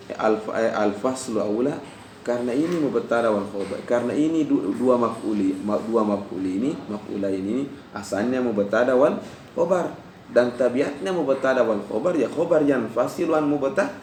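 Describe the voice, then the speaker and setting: A man's voice: normal speed, darkish tone. A man teaching Arabic grammar to a class in Indonesian, telling stories between points and often checking that students follow. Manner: digressive storyteller, drops his voice low, frequent checks "jelas?". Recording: roomy class recording from far off with faint noise.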